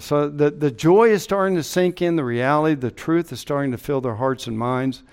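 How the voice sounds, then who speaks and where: A man's voice: fairly high pitch, smooth. A male pastor delivering a sermon, explaining the passage earnestly and repeating phrases for emphasis.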